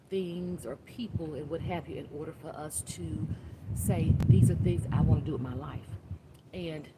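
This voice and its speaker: Woman in her fifties, life coach, low voice, casual inspirational talk with asides, outdoors, noisy windy phone audio. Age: 50s. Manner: casual and rambling, with asides and restarts. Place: outdoors in the wind. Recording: noisy outdoor recording with wind.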